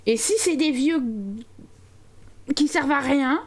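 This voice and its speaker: A woman's voice: high-pitched, takes it slowly. A young French woman commenting live on her game, chatting and joking with her viewers. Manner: chatty, joking, reads chat aloud. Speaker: streamer.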